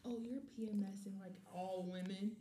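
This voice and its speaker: A woman co-hosting a casual chat, emphatic, with quick agreeing interjections. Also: medium pitch, steady tone, crowd noise. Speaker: podcast co-host. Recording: roomy echo with faint background noise.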